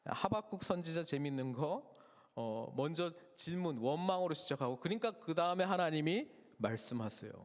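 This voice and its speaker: A male pastor preaches a Sunday sermon in a high, lively voice that rises and falls widely. He keeps turning to the congregation with questions. A long reverb trails off through the church. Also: normal speed. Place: church sanctuary.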